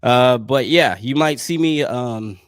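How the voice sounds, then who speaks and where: A man co-hosting a soccer podcast in casual chat, sounding stuffy and congested from allergies, tired and low-key. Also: takes it slowly, no room sound, studio quality. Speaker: podcast co-host.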